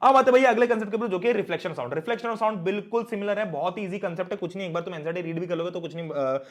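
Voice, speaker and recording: A man's voice: high voice, rapid-fire. A young man teaching an online class, chatty and often asking his students questions.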